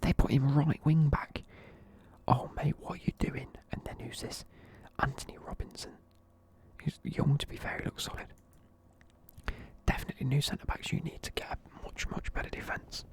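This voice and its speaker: A man's voice: medium pitch, little pitch movement, moderate pace, gravelly, breathy edge. A young man in a casual video, whispering sleepily as he reviews football teams and swears offhandedly. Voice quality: whispering throughout. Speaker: video creator.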